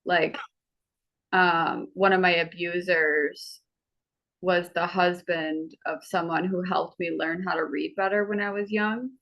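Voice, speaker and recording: A woman's voice: on the low side, fairly even intonation, slow. A woman co-hosting a podcast in casual, open chat, rambling with lots of "like". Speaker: podcast co-host. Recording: dull lo-fi recording.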